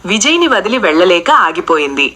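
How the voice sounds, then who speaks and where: Brief: woman, scripted family-drama narrator, steady delivery. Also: lowish voice, brisk.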